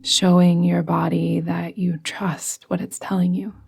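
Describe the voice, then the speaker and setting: With music playing behind her, a woman guiding yoga nidra speaks very slowly in a steady, nearly unchanging tone. Her voice sits on the low side, soft and breathy with a creak at the ends of phrases, as she gently soothes the listener through the meditation.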